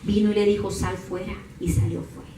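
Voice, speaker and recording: A woman preaching a sermon, moving from calm teaching to high, impassioned crying out. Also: brisk, a little hiss or hum. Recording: echoey room from far off.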